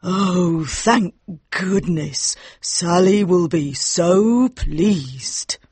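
A man voicing a frail, very old woman, speaking slowly in a high, quavering voice. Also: a little mellow, slightly rough, dry recording, exaggerated voice. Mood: relieved.

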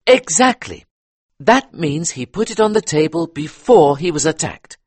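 A man voicing a brisk, talkative male police inspector in a read-aloud detective story, with a raised, eager delivery and a husky edge. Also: fairly high pitch, big pitch swings, darkish tone, no echo, pitched above the performer's own voice, heavily acted. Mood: explaining. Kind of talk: audiobook character reading.

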